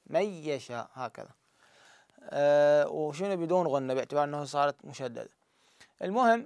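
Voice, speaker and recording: A man with an Iraqi Arabic accent giving a tajweed lesson, explaining step by step and slowly drawing out the recited examples. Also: a little high, smooth, no room sound, clean studio sound. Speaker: Quran recitation teacher.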